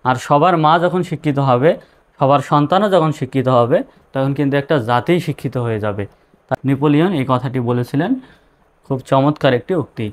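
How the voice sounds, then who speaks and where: A man teaching an online spelling lesson, slowly spelling words out letter by letter in a patient way. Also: medium pitch. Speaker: English teacher.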